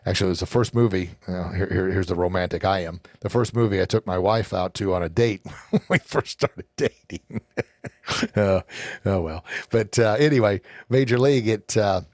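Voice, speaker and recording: A middle-aged man talks through a motivational podcast monologue in a fairly low voice. He is earnest and rambling, stumbling over repeated words as he starts his sentences. The recording is dry and close, with no room sound. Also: moderate pace, a little mellow, no echo. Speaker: podcast host and hockey coach.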